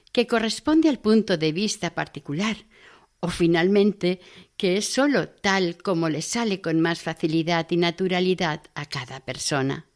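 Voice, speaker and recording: A woman reading a learned teacher of prayer. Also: on the low side. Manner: calm, instructive, reverent. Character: learned man patiently teaching about prayer.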